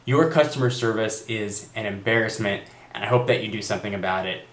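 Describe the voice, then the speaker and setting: A man's voice: on the low side, brisk, fairly bright tone. A young man vlogging a direct-to-camera rant, telling an exasperated story and quoting phone agents in a raised voice. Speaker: tech vlogger. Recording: echoey room.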